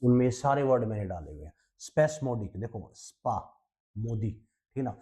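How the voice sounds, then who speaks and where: A man's voice: on the low side, expressive, moderate pace, warm tone. A man with an Indian English accent teaching an exam-prep vocabulary lesson, mixing Hindi and English and checking in with his students again and again. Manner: repeats "ठीक है ना" often, mixes Hindi and English, mnemonic tricks.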